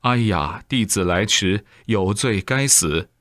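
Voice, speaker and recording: A man's voice: fairly low pitch, expressive, slow, fairly bright tone, no echo, clean studio sound. A man doing a pleading young disciple. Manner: pleading, deferential.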